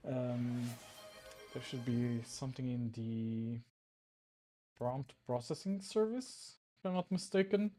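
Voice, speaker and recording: A man's voice: medium pitch, slow, long pauses, warm tone, soft background music. A man hosting a live coding stream, talking casually with his chat. He chuckles often and trails off mid-sentence.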